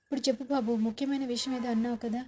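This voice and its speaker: A woman's voice: fairly high pitch, fairly even intonation, racing, dark tone, slight background noise, close to an everyday voice. A woman doing a kindly fussing aunt. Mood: coaxing. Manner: coaxing, homely. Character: gentle middle-aged aunt, kindly and fussing.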